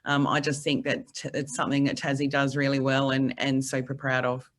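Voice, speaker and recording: A woman's voice: very deep voice, monotone, fairly quick, poor audio. Woman, Australian accent, panelist, enthusiastic, lots of fillers. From Queensland. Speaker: panelist, finance platform representative. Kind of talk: panel answer.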